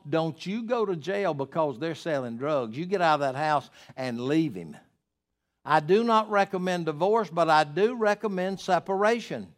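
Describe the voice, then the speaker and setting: An older male pastor delivering a sermon to his congregation. His voice sits a little high for a man, and he swings from booming, emphatic declarations down to near-whispered asides. His delivery is earnest and driving. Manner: swings between booming emphasis and hushed quiet.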